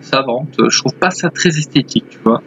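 A man's voice: medium pitch, brisk, gravelly, a bit bright, lo-fi sound, slight background noise. A man hosting a gaming video with casual, rambling commentary. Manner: rambling, chatty. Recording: faint game ambience behind voice. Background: video game sounds.

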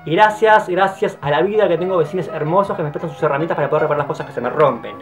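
Un hombre de veintitantos años con acento rioplatense, en un monólogo casual de vlog; habla muy rápido, efusivo y juguetón, se corrige y repite palabras, y a veces baja a comentarios suaves. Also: male voice. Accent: Rioplatense Spanish. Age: 20s. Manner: very fast, tumbling talk with restarts and repeated words; effusive and playful, often trailing into low, soft asides. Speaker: vlogger. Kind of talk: casual monologue to camera. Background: faint guitar music.

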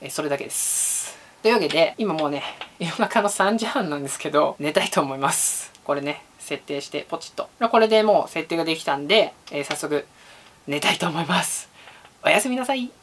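A man's voice: fairly high pitch, animated, a little fast, a bit bright, a little hiss or hum. A young man chatting casually to the camera as a vlogger in a small room at home. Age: young adult. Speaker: vlogger testing an app. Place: small home room with desk and acoustic foam. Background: background music with guitar.

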